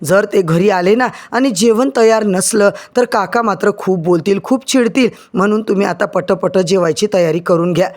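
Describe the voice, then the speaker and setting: A man voicing a calm older father-in-law who placates his family in a retold serial. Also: high voice, normal speed, hardly any pauses, natural voice. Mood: urging.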